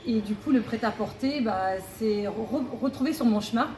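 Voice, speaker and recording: A woman's voice: on the high side, moderate pace, a little mellow, reverberant, a little hiss or hum. A woman in her forties, a store manager, describing her job with frequent hesitations. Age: 40s. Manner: hesitant, many fillers. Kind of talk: corporate job interview testimony.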